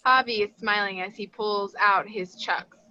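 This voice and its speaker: This is a bright, mid-pitched woman narrating stage directions at a table read, her tone steady and her pace moderate. There's no room sound, and the very dry recording is slightly dull in fidelity.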